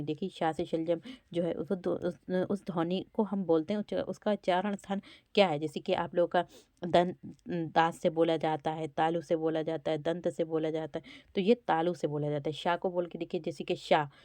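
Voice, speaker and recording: A lowish, mellow female voice with no room sound belongs to a teacher leading exam preparation. She takes the quiz questions in turn and voices each letter to demonstrate its point of articulation.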